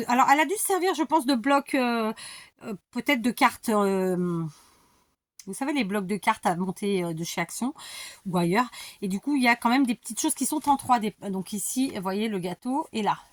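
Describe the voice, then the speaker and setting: A middle-aged woman with a high-pitched voice hosts a casual scrapbooking show-and-tell from her craft desk on her scrapbooking channel. She gushes with enthusiasm and pokes fun at herself, and the recording is dry.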